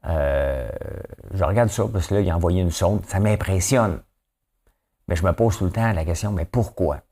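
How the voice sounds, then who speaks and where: A man's voice: sits low, moderate pace, mellow. A man with a Quebec French accent hosting a daily news commentary show, talking casually, rambling and asking rhetorical questions. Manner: rambling, asks rhetorical questions, often tags "hein?".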